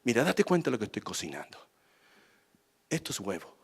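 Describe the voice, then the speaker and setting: A man playing a patient mother who calmly soothes and teaches her daughter. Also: fairly low pitch, a little fast, slightly rough, pitched below the performer's own voice, exaggerated voice. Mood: explaining calmly. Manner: soft, calm, soothing.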